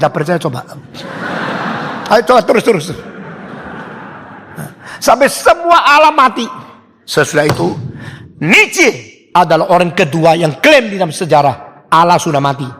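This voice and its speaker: An older man preaching a sermon, telling a story with animated laughs and shouts. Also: high-pitched, normal speed, long pauses. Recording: long hall reverb.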